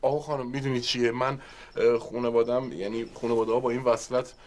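A man's voice: mid-range voice, fairly even intonation, natural voice. An actor playing a flustered young man who stammers and pleads while hiding his secret marriage. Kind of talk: TV comedy drama acting.

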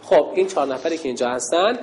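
A woman teaching girls a religious lesson, shouting call-and-response cues and giving cheerful praise. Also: sits low, lively intonation, a little hiss or hum. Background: children's chatter.

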